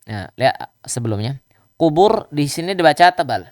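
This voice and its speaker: A man teaching Quran recitation rules in a live online lesson, patiently repeating examples and chanting verses slowly. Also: on the high side, sing-song, no room sound, clean studio sound.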